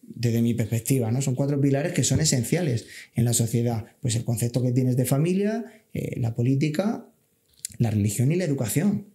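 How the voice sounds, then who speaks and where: A man's voice: medium pitch, expressive, moderate pace, warm tone, roomy sound. A man, a civil guard officer talking earnestly in a casual podcast, backing his points with everyday examples.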